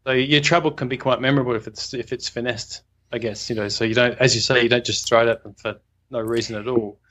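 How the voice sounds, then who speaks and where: A man's voice: medium pitch, steady tone, fast talker, a bit bright. A man co-hosting a podcast, telling anecdotes in a loose, rambling way and chuckling as he goes. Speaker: podcast co-host. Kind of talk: casual craft discussion.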